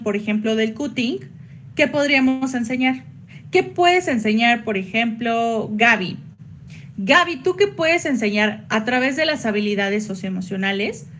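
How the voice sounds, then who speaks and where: A woman psychologist giving a workshop online, chatty, with sudden high jumps when she acts out quoted voices. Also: a bit bright, slight background noise.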